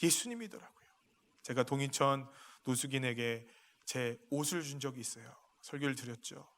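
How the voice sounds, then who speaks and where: A male pastor preaching a sermon in a church, rising to loud emphatic peaks and dropping to quiet confiding asides, with many questions put to the congregation. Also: medium pitch, flat delivery, moderate pace. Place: church sanctuary.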